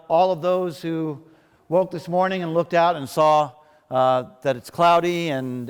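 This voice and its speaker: A male preacher gives a sermon in a slightly high-pitched voice that rings through a large hall with long reverb. His delivery is measured, with pauses and restarts as he feels his way through each thought. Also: a little hiss or hum. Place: large reverberant worship space.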